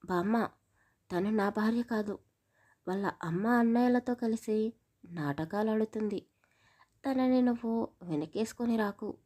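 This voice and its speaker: A woman's voice: on the high side, measured pace, pauses often, dark tone. A woman voicing a stern, angry young village man who scolds harshly in a storybook.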